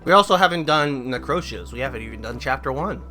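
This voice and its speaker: A man streaming a game and reading its dialogue aloud, sometimes voicing the characters with sudden excitement. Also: medium pitch, quick pace, faint music behind.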